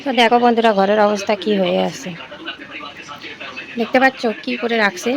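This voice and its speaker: A woman's voice: a little high, a little fast, gravelly, a crowd in the background. A woman in her thirties chatting casually to her phone at home, running her sentences together with a filler word. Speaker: home vlogger. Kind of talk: casual home vlog chat. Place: home, indoors.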